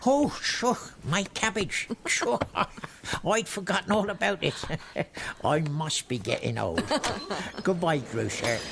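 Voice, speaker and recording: An actor playing a very old, lonely widowed cobbler who chuckles often, in a radio drama with music underneath. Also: male voice, fairly high pitch, big pitch swings, slow pace, vocal fry, noisy background, exaggerated voice. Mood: wistful. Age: older.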